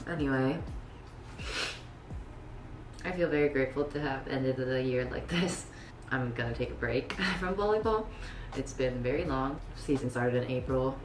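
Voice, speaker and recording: Young woman vlogger, low voice, slow easy pace, echoey room, light noise. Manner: relaxed, laughs often between words. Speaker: vlogger and beach volleyball player. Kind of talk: casual vlog chat.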